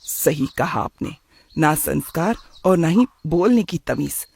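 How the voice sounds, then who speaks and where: A weary traditional mother in a cartoon story, voiced by a man. She speaks softly and resignedly, her voice on the high side. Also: lively intonation, slow pace, vocal fry, slightly rough, full character voice. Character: middle-aged woman, weary traditional mother. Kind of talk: cartoon voice acting.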